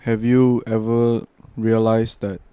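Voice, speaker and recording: Young man, smooth dry voice. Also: on the low side, takes it slowly, dry recording. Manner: relaxed, filler-heavy, trailing off. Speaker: podcast host. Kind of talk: casual chat.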